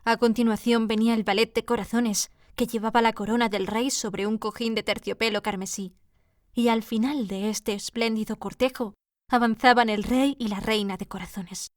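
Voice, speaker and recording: A woman narrating a classic storybook with a steady, measured reading. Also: a little high, no echo, clean studio sound. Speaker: audiobook reader.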